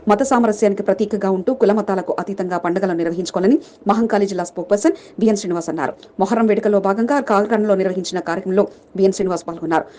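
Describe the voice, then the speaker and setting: A woman news reader voices scripted local news, rattling off long lists of names in a rapid, even delivery. Her voice is medium-pitched, and there's a little hiss or hum on the recording.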